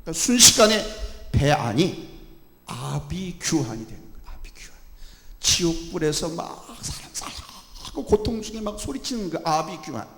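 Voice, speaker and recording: A man preaching a sermon as pastor, animated and bursting into loud emphasis, in a church sanctuary with an echoey hall sound. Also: fairly high pitch, moderate pace, noisy background. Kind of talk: expository sermon. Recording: echoey hall with long reverb.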